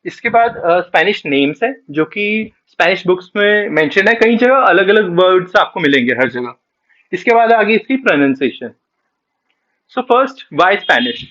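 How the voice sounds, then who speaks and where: A man with a high, animated voice talks beginners through a language lesson one step at a time, moving between Hindi and English. He slows down to sound out each letter clearly. The recording is dull and lo-fi. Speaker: Spanish teacher.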